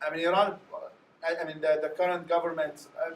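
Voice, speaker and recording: A man's voice: a little high, little pitch movement, fast talker. Man, echoey hall. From Iraq. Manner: earnest, winding, many restarts. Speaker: panelist. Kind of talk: panel discussion answer. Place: lecture hall. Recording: echoey hall, distant mic, faint hiss.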